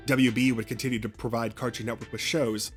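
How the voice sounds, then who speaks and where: Man, scripted narration, mid pitch, small restarts, faint music behind. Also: flat delivery, brisk. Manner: reads with small slips and restarts. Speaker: YouTube narrator.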